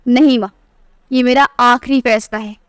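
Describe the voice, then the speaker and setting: A woman's voice: fairly high pitch, fairly even intonation, moderate pace, clean tone, dry recording, studio quality, close to an everyday voice. A woman voicing a proud, angry young married daughter who speaks sharply and defiantly. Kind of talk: storybook narration.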